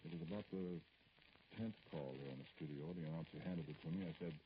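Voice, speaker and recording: Playing a brooding, dignified middle-aged politician in an old radio drama, a male actor addresses a caller with wounded indignation. He sounds very deep and gravelly, speaking formally and pointedly but hesitantly, with pauses. The vintage recording is dull and noisy.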